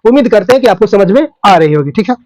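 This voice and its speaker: A man with a Hindi accent teaching English grammar in a classroom style. He keeps asking questions and answering them himself, and he says his English example sentences slowly. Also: high voice, expressive, darkish tone, no room sound, low-quality recording.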